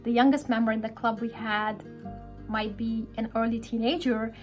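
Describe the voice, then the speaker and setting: This vlog narration comes from a woman in Pakistan who teaches English and organizes a speaking club, telling her story warmly and in a friendly way. Her voice is on the high side, steady in tone and at normal speed, over soft background music.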